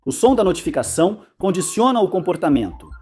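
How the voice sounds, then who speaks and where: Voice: mid-range voice, sing-song, fast, darkish tone, soft background music. A narrator reading a scripted educational explainer, with playful asides.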